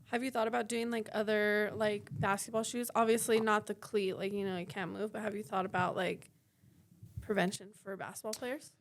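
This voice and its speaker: A woman's voice: mid-range voice, little pitch movement, a little fast. A woman co-hosting a casual chat, asking chatty, hesitant questions. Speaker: co-host.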